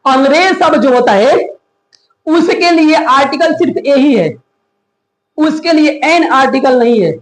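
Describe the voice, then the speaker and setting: Male grammar teacher, classroom lecture, high pitch, roomy echo, quizzes students constantly. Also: a little slow. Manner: questions the class often, animated.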